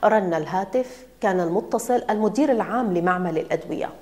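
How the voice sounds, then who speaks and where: A woman reads a dramatic tale aloud in a measured, expressive way. Her voice sits at an ordinary middle pitch, and her pacing builds the suspense. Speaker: narrator. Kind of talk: scripted story narration.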